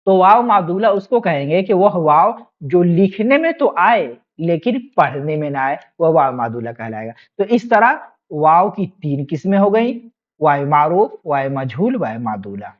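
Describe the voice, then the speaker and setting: Low-voiced woman teacher, repetitive explaining. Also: sing-song, unhurried, highs cut off. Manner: explains patiently, repeats points with quiz-like questions. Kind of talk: online exam-prep lesson.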